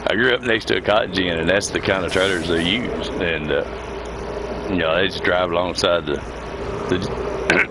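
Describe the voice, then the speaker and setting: A low-pitched man chats over gameplay at a moderate pace, folksy and rambling, as a game streamer and host. Loud engine noise from an idling truck and game vehicle sounds run behind his voice.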